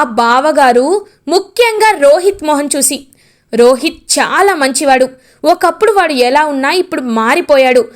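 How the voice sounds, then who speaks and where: A woman voicing a fierce, stern middle-aged mother-in-law who shouts and threatens. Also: high voice.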